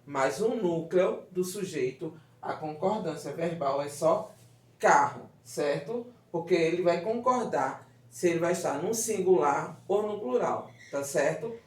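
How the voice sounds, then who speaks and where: A man's voice: fairly high pitch, lively intonation, measured pace. A man with a Brazilian Portuguese accent teaching a grammar lesson, explaining step by step and often checking that the class follows. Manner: explanatory, checks understanding with "certo?" and "tá vendo?". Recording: echoey room, distant mic.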